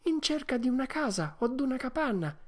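A woman voicing a cheeky wooden puppet boy in a storybook reading, talking brightly and with emphasis. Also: high-pitched, sing-song, brisk, pitched above the performer's own voice. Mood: tender.

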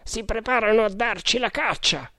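A man's voice: high voice, moderate pace, gravelly, no room sound, clean studio sound, pitched above the performer's own voice. A man voicing a wary oarsman who calls out urgent warnings to his leader. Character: wary male rower, urgent companion.

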